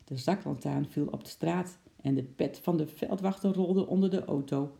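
A storyteller reading a children's story aloud in a calm, even manner. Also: medium pitch, normal speed, creaky.

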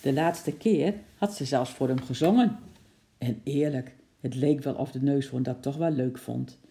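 A reader calmly narrating a children's storybook in a gentle storytelling manner. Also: mid-range voice, unhurried, creaky.

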